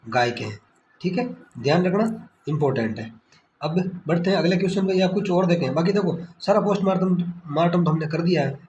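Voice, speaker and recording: A man with a fairly high voice tutoring through exam questions. He quizzes himself aloud and repeats each answer, checking in with "okay" over and over. The sound is echoey with a faint hiss, recorded on a phone screen-recorder. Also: animated, a little fast, a little mellow. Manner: repetitive quiz-style questioning, frequent "ठीक है". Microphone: screen-recorder phone mic.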